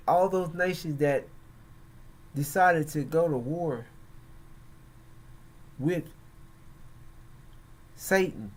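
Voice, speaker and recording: A man hosting religious and political commentary, speaking in a halting, emphatic way with frequent pauses. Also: mid-range voice. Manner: slow, halting, emphatic delivery. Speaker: host.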